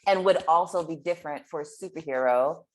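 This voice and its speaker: A woman with a very low voice in a casual podcast conversation. She thinks aloud, offering ideas tentatively and carefully. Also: fairly quick. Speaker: podcast guest. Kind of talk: casual chat.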